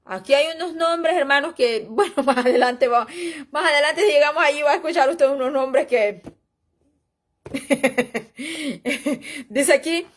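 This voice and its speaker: Woman, middle-aged, Bible teacher, high voice, chatty, rambling, informal lesson. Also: measured pace, long pauses. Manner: chatty and rambling, often calls the listeners brothers and sisters. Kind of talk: informal church history lesson, reading aloud and commenting.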